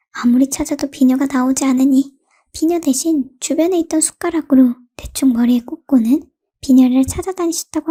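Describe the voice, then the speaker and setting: A woman narrates a true-life story in a gentle, retelling manner. Her voice sits high but soft and mellow, and she keeps a calm storybook pace. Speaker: story reader.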